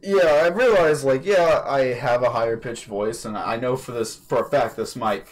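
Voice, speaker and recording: Recorded roughly through a computer microphone on a voice call, a young podcast host chats casually. His mid-range voice moves at a moderate pace as he rambles, dropping lots of fillers and the odd casual swear word.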